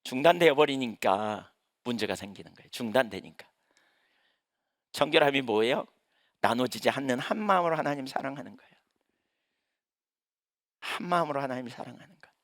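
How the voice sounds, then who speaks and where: A man's voice: medium pitch, a bit bright, no echo, studio quality. A male pastor preaching a sermon in a conversational way, asking the congregation questions as he goes.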